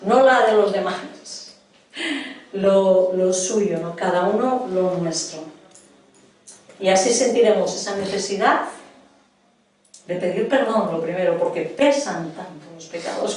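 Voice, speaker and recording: A woman's voice: mid-range voice, darkish tone, far from the mic. A middle-aged woman from preaching a sermon in a church hall, earnestly questioning her congregation. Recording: echoey hall, voice from afar.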